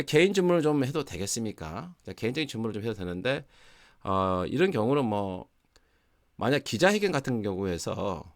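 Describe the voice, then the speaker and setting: A man with a Gwangju Korean accent teaching an online English grammar lesson. He acts out short example dialogues and slows right down for the English phrases. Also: lowish voice. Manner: lively explaining, acting out example dialogues, slowing for English phrases.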